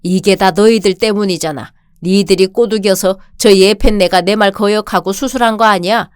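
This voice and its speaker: A domineering older father-in-law who barks insults and orders at his family, voiced by a woman narrator. The delivery is close and dry, at a middling pitch, in the plain manner of a radio drama reading. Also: normal speed, smooth, no room sound, close to an everyday voice. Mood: contemptuous.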